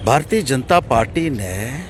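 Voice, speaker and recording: A man gives a statement to reporters in a mid-pitched voice, pausing often with filler sounds. Light street noise runs under his words. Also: big pitch swings. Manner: hesitant, many filler sounds. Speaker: interviewee. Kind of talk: statement to press.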